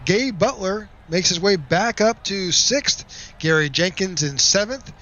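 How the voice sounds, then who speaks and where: High, bright-voiced race announcer man. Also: a little slow, muffled recording. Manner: upbeat announcer, reads results in a steady list. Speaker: play-by-play announcer. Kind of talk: race broadcast commentary.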